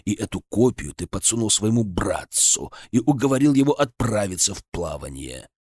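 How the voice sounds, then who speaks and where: A stern male colonel of the secret police, growling his interrogation slowly and heavily, as a man reads him. He barks and threatens in a low voice that swings widely. The audiobook sound is dry and close. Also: very animated, darkish tone, slightly rough, dry recording. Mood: menacing. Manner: barking, slow and menacing.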